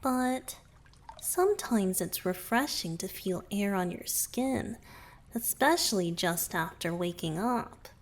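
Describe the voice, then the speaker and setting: Here a woman plays a tender, playful young merman boyfriend for romantic ASMR, her breathy voice frequently dropping almost to a whisper as she teases gently. She speaks slowly and expressively at a medium pitch, in a musing, tender mood.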